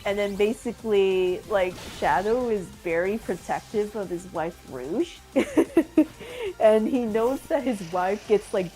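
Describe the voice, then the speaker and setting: A woman's voice: medium pitch, lively intonation, takes it slowly, dark tone, faint music behind. A woman chatting casually on a stream, rambling with many fillers and frequent giggles. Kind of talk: casual chat.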